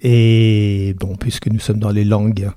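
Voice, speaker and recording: Middle-aged man, low and very mellow, unhurried storyteller with a dry wit, recorded close and dry. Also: little pitch movement, no echo. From France. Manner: measured, dry-humored storyteller. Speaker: company CEO, podcast guest. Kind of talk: casual interview storytelling.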